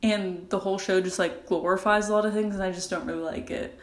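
A young adult woman chats casually into her solo podcast from a bathroom. Her delivery is informal and rambling, at a middle pitch, with "like" sprinkled throughout. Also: steady tone, quick pace. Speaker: podcast host.

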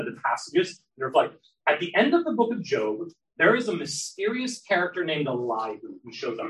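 Middle-aged male preacher, animated sermon delivery, fairly high voice, echoey hall. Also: far from the mic. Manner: animated, acts out quoted voices. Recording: echoey hall, speaker off mic.

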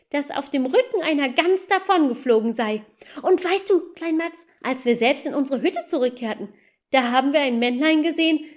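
A woman's voice: sits high, pitched above the performer's own voice. A woman voicing a young peasant girl who tells her little brother about an elf. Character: young goose girl, eager and wondering.

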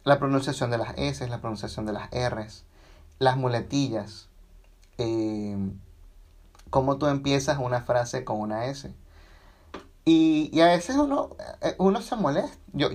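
A man's voice: mid-range voice, lively intonation, normal speed, darkish tone. A man with a Venezuelan accent hosting a casual solo podcast, rambling and sarcastic as he talks. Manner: rambling and sarcastic, often restarting phrases. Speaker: podcast host.

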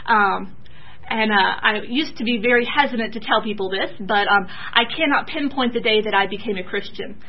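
A soft-spoken young woman from Georgia, giving a church talk about her mission teaching and pausing often with fillers. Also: on the high side, lo-fi sound, a little hiss or hum.

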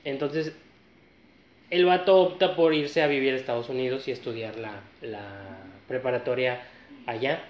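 A man with a northern Mexican accent telling a story in casual chat, relaxed and slangy, with many fillers. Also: medium pitch, moderate pace, a little hiss or hum. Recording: echoey room, slightly dull sound.

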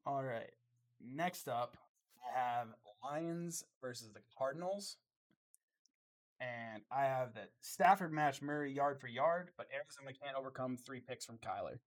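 A man's voice: mid-range voice, expressive, measured pace. A man co-hosting a casual sports podcast, giving firm opinions as he runs through player lists. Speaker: podcast co-host.

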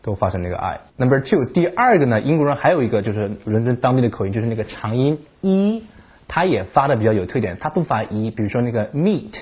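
A man hosting a casual video lesson on English, talking in an animated way and breaking off to imitate accents. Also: mid-range voice, fast, husky, highs cut off. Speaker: English teacher, channel host.

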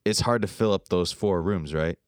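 A young man chats in an easygoing, slangy way, often drifting off mid-sentence. His voice sits very low and comes across smooth and resonant. The sound is dry and close, with no room around it. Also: normal speed, no echo. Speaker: podcast co-host. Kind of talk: casual chat.

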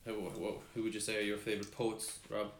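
Low-voiced man in an echoey room. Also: little pitch movement, fairly quick. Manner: laid-back, prompting questions. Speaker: podcast co-host. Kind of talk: casual chat. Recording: roomy echo, faint hiss.

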